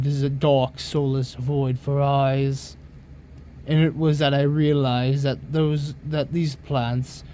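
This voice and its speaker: A man giving a dramatic reading of a horror story, theatrical, with drawn-out emphasis on some phrases. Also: medium pitch, dark tone, a little hiss or hum. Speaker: narrator reading a creepypasta aloud.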